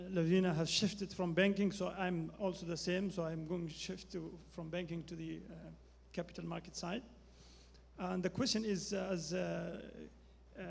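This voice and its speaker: Guy asking a question in a big hall, lots of uhs, husky and high. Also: darkish tone. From Afghanistan. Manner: halting, many hesitations. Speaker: audience member asking a question. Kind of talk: question from the floor at a panel. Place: conference hall. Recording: long reverb in a conference hall.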